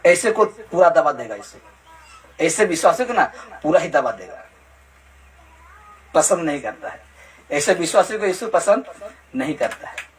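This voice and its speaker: A man's voice: fairly high pitch, sing-song, measured pace, long pauses. A male preacher giving a Bible sermon, quizzing his congregation and repeating his key points, with light laughs between them. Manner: keeps asking the congregation questions, repeats key phrases.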